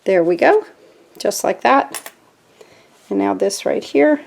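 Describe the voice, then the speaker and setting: A woman's voice: mid-range voice, takes it slowly, gravelly. Woman, craft tutorial host; casual, talkative, gushes over her projects, mid-range voice. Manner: chatty and easily excited, talks to viewers while working. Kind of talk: casual step-by-step craft demonstration. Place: home craft room.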